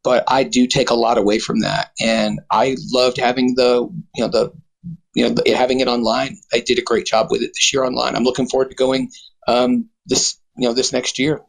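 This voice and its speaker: A man's voice: medium pitch, level tone, moderate pace, creaky, rough recording. Earnest man guest rambling on. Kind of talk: casual conversation.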